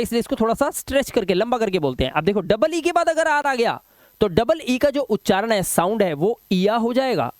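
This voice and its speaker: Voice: medium pitch, dry recording, clean studio sound. An English teacher giving a spoken pronunciation lesson, reading out example words, stretching the vowels and quizzing the viewers. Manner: drills words aloud and asks the class questions; stretches vowels slowly when modelling words.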